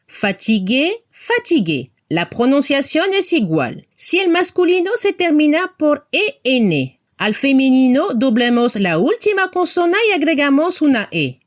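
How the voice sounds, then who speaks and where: A woman giving a slow, scripted language lesson, spelling out letters and modeling each word's pronunciation. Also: sits high. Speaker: language teacher.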